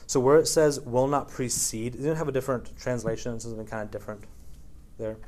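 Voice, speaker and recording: A man's voice: mid-range voice, fairly even intonation, a little fast, a little mellow. A man preaching in a casual, conversational way, reading scripture aloud and often checking in with his listeners. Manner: casual, keeps checking in with "right?"; frequent fillers, reads scripture aloud. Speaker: preacher teaching a Bible study. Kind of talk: conversational sermon.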